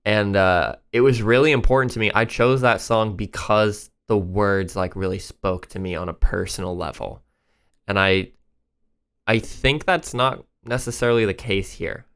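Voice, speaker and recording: A man's voice: on the low side, moderate pace, a bit bright, clear, resonant tone. A man hosting a reaction channel, talking casually and enthusiastically about songs as he thinks aloud.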